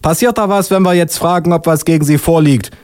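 A man voicing a blunt, shrill policewoman in a spoken-word comedy piece. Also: a little fast, close to an everyday voice. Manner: high put-on voice, blunt and loud.

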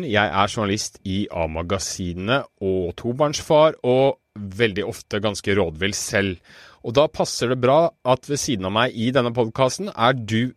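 A man hosting a parenting podcast, narrating and asking questions in a measured, storytelling way. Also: fairly low pitch, dry recording, studio quality. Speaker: podcast host and journalist. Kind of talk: scripted podcast narration and interviewing.

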